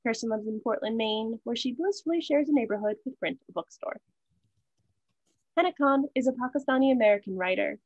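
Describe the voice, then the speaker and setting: A woman moderating an online event, reading out speaker introductions in a steady, scripted way with small slips. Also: on the high side, a little fast, no echo. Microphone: video call. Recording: dull, dry video call audio.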